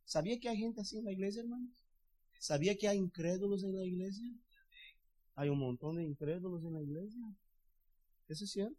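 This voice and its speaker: A man's voice: high-pitched, a little fast, long pauses, warm tone. A man preaching a sermon in a fervent, loose, conversational way, often asking his listeners to agree. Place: church in the United States.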